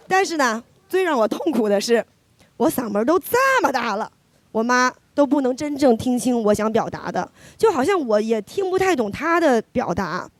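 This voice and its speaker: A woman does a stand-up set in front of a live, laughing audience, her slightly high voice very animated yet unhurried, with long pauses. The recording has no echo, and her delivery is chatty, teasing and driven by punchlines.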